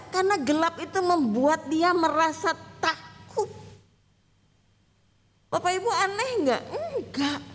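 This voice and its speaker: A woman pastor giving a conversational sermon, chatting with the congregation, asking them questions and laughing often. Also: very high voice. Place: church. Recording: reverberant church hall.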